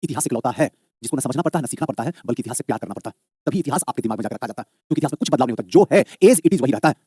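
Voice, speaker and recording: Medium in pitch and slightly rough, a man gives a live online exam-prep lecture on history, recorded dry at studio quality. His delivery is rapid and spirited; he repeats questions, supplies the answers himself, and coaxes students as "babu."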